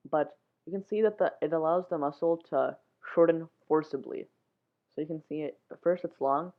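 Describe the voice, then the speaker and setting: A science show host giving a casual, informal explainer in plain steps. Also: medium pitch. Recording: muffled, phone-like narrow sound.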